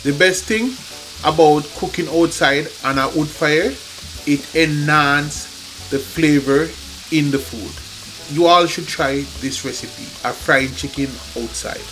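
A man's voice: on the high side, slow pace, a bit bright. A man cooking outside over a wood fire, talking straight to his viewers in an upbeat way. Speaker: cook showing a recipe. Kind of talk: outdoor cooking vlog. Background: oil sizzling, faint music.

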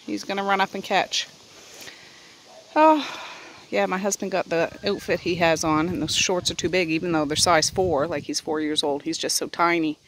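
A woman in her thirties from Nova Scotia, Canada, vlogs with a handheld camera held at arm's length while walking a windy beach and forest trail, chatting to viewers and calling out to her kids. Her voice is fairly low and moves at a normal speed, with slight background noise.

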